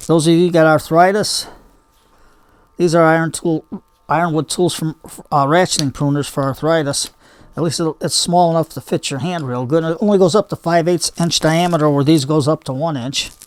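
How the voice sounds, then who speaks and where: A man's voice: on the high side, steady tone, moderate pace, clear, resonant tone. An older man hosting a hobby gardening video, chatting casually in a homespun, rambling way as he demonstrates by hand. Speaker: bonsai hobby video host.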